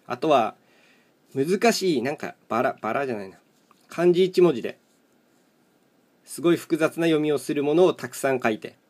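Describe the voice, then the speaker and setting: In a solo mahjong chat video, a live-streaming host talks through his game casually, thinking out loud in terse, matter-of-fact fragments as he plays tiles. His voice is medium in pitch and a little mellow.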